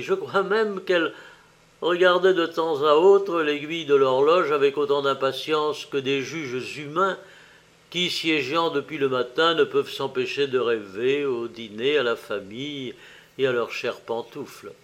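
A man narrating a literary tale, reading slowly and expressively with wide swings in loudness. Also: mid-range voice.

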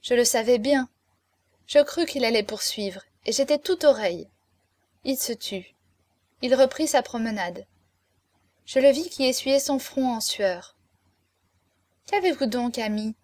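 Woman narrating a novel, bright and close. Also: fairly high pitch, a little slow, pauses often, dry recording. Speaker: audiobook narrator. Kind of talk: scripted first-person narration of a novel.

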